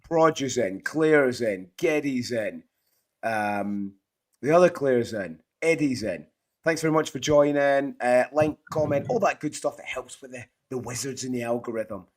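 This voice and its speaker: Hoarse Scottish man hosting a podcast. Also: mid-range voice, expressive, unhurried. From Scotland. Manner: matey, rambling, enthusiastic. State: hoarse, voice partly lost from shouting. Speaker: podcast host. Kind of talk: casual fantasy football chat.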